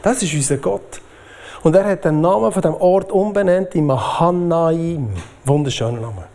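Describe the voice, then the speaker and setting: A man with a Swiss German accent preaching a sermon in a lively, informal way. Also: moderate pace. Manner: lively, informal preaching with swings in pitch and loudness.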